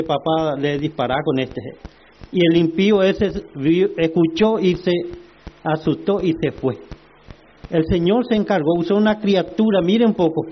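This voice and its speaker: A man preaching a sermon, slow and emphatic, asking the congregation rhetorical questions. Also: on the high side, dull audio.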